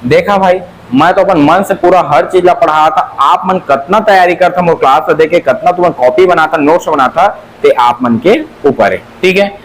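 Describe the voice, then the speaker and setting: A man with a Chhattisgarhi accent teaches an exam-prep class, drilling answers by repeating them sing-song and asking then answering his own questions. His voice is a little high and at normal speed, in a low-quality recording with some hiss or hum.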